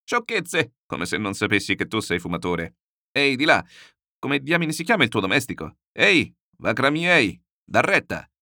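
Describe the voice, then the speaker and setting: A blustering, shouting landowner voiced by a man rambles through his boasts. His voice leaps and swings widely. It is a storybook reading in a dry, close recording. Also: mid-range voice, big pitch swings, moderate pace, no room sound, pitched above the performer's own voice. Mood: boisterous.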